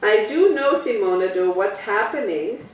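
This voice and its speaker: In a private living room, a female product demonstrator with an Austrian German accent leads a casual home party talk, animated and unhurried in her mid-range voice. She explains each step and often turns to the group with questions. The sound is roomy and reverberant, recorded from a distance.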